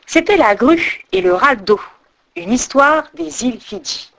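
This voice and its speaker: A woman reading a folk tale aloud as a storyteller, expressive with dramatic pauses. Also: high-pitched, vocal fry.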